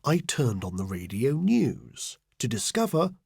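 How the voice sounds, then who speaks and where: A male audiobook reader narrates a satirical first-person diary as a scheming, self-important political adviser, heavily acted with sardonic, deadpan, exasperated sarcasm. His slow, deliberate delivery carries very animated pitch swings, and his slightly husky voice is recorded closely and drily in studio quality with no room sound.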